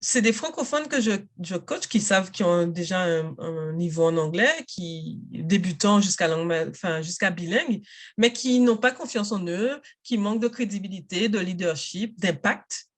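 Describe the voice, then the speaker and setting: A woman, a native English speaker, talking in a casual interview about coaching parents and adults in English, in an energetic and emphatic way. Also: fairly low pitch, normal speed. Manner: energetic, emphatic, self-assured.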